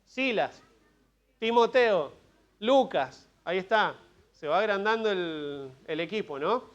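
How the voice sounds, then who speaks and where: A man's voice: high voice, muffled recording. A man with an Argentine accent preaching an expository sermon at a church service, conversational, with humorous asides and questions to the congregation. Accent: Argentine Spanish. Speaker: pastor.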